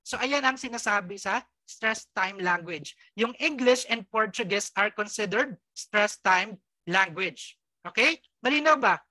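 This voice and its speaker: A woman's voice: mid-range voice, expressive, unhurried, bright, forceful tone, no echo. A woman with a Filipino accent teaching an online exam review, explaining loosely with many fillers and often checking whether the class follows. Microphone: close mic, online class.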